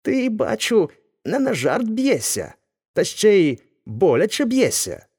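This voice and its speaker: A man's voice: high voice, huge pitch swings, slow, a little mellow, husky, voice pushed up, heavily acted. A man voicing a grumbling old village Cossack. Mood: indignant. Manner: muttering, grumbling to himself. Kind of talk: audiobook character reading.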